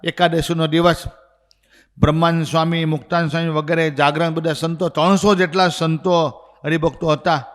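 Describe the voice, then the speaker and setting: A man's voice: on the high side, fairly quick. A man with a Gujarati accent, telling religious stories as a sermon and acting out the dialogue with energy. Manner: animated storyteller acting out dialogue. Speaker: swami giving a religious discourse. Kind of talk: storytelling sermon. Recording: long hall reverb.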